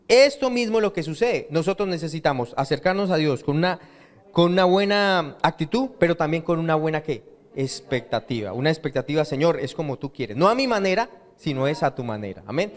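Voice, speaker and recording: A male pastor preaching a sermon and often pausing to ask the congregation to fill in words. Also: a little high. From Colombia. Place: church hall. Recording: reverberant church hall.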